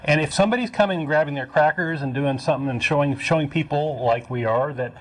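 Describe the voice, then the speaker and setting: A man's voice: on the high side, fast, low-quality recording. A man co-hosting a casual studio talk show, often repeating and restarting his words. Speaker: co-host.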